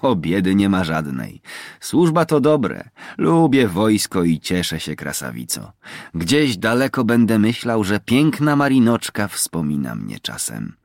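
A man's voice: on the low side, wildly swooping pitch, a little slow, gravelly, dry recording, clean studio sound, exaggerated voice. A man voicing a bold, proud young male poacher from the mountains, talking in a teasing, assured way. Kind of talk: audiobook character reading.

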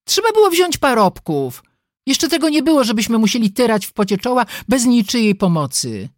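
A narrator voicing a sulky, defiant young peasant girl in an audiobook, whiny and quick to argue. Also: mid-range voice, big pitch swings, no room sound, clean studio sound, voice pushed up, lightly acted. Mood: whining.

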